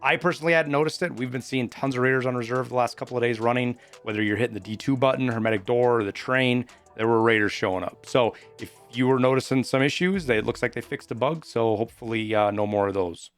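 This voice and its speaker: A man with a medium-pitched, clean voice hosts a video game news update, talking fast with few pauses. His style is informal, conversational, and explanatory, and music plays in the background.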